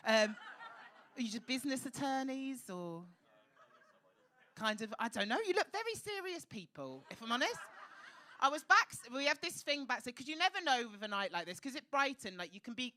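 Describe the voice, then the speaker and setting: High-voiced camp comedy host. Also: male voice, very animated, normal speed, sharp tone. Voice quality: high-pitched voice. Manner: cheeky, camp, swearing banter. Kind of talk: stand-up crowd work. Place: live comedy club stage.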